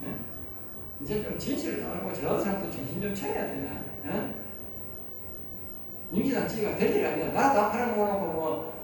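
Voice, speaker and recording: A male pastor delivers an insistent sermon, repeating his phrases and firing rhetorical questions at the room. His voice sits high for a man. He is heard from off the mic, with long echo filling the church hall. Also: noisy background. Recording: echoey hall, voice heard from far off.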